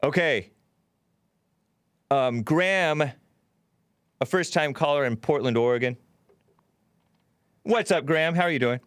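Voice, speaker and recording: A man's voice: a little high, unhurried, pauses often, fairly bright tone, smooth, no echo. A man hosting a call-in radio show, talking casually on a close studio microphone. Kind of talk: casual talk radio conversation.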